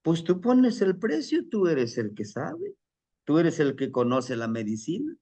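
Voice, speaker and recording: A man's voice: on the high side, wildly swooping pitch, a little slow, warm tone, no room sound, exaggerated voice. A man voicing sly, scheming older male healers who coax a young man. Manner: coaxing, persuasive.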